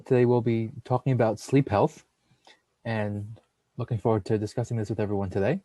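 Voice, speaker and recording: A man's voice: on the low side, brisk, no echo. A young man, a nursing student, hosting a webinar and steadily reading out a prepared script over a computer mic. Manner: steady, reads long lists of names and titles. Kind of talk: read webinar presentation.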